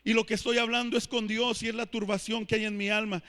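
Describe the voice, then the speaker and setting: A sorrowful childless woman pleads in a low, hushed voice, as a preacher puts her on in the middle of his sermon. The tone stays high and ringing. A long church-hall echo trails behind each word. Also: level tone, quick pace. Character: grieving barren woman praying at the altar.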